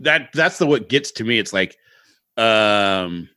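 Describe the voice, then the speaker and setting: A man's voice: on the low side, lively intonation, slow, pushed and bright. A man co-hosting a casual podcast, with reverb bouncing around a bare-walled room. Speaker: podcast co-host. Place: home office emptied to bare walls.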